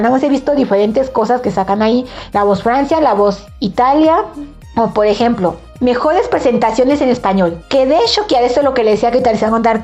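Chatty woman podcaster, higher voice. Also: a little mellow. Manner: chatty and rambling, with many fillers. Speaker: podcast host. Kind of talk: casual monologue.

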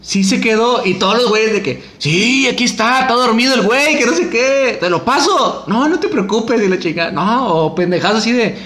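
A man's voice: very high-pitched, animated, moderate pace, few pauses, a bit bright, reverberant. A young Mexican man hosting a casual chat, joking and butting in with crude slang.

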